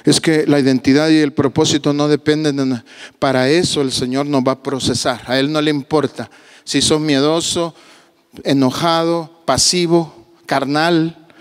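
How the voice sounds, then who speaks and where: Slow, high-voiced Guatemalan pastor preaching. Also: male voice, in a large hall. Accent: Guatemalan Spanish. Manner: emphatic preaching, swings from low confiding tones to raised exclamations; acts out quoted voices of the people he tells about. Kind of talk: sermon.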